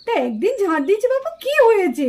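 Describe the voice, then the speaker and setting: A woman's voice: extremely high pitch, big pitch swings, quick pace, a little mellow. A woman voicing a stubborn elderly mother-in-law in a puppet show, scolding and a little plaintive. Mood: chiding.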